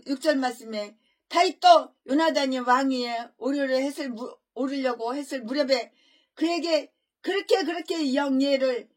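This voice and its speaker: A high-pitched woman pastor delivers an expository sermon, frequently repeating and restarting words. Her delivery swings between loud, emphatic peaks and quiet asides.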